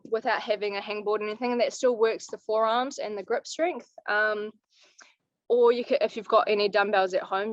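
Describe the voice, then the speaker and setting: A woman's voice: mid-range voice, dry recording. A young woman, a climbing coach giving easygoing, practical advice in a live online Q&A over a video call. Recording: muffled, dry video call audio.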